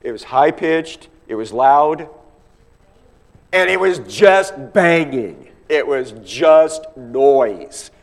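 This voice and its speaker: A Bible class teacher or preacher speaks extremely slowly in an animated, mid-range voice, teaching scripture emphatically and conversationally and often posing rhetorical questions. The hall is echoey with long reverb.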